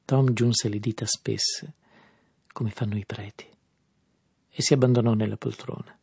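A man narrating a novel in a measured, subdued manner. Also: lowish voice, steady tone, gravelly, mellow, husky, no echo, studio quality. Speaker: audiobook narrator. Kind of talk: scripted narration.

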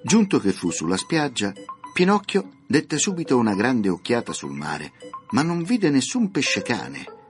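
A man narrating a children's classic in a scripted, lively, expressive storytelling manner. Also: mid-range voice, a little slow. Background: soft background music.

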